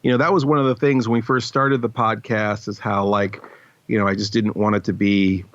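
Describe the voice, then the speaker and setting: A podcast host chats casually about a script in a behind-the-scenes discussion, dropping wry, self-deprecating asides. His lowish voice is flat and fairly quick, with no echo in a slightly dull, dry, close recording.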